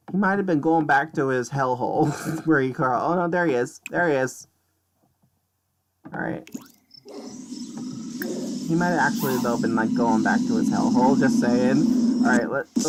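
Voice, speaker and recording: A young man giving casual, excitable game commentary, often stammering and exclaiming. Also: medium pitch. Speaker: gameplay commentator. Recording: loud background noise.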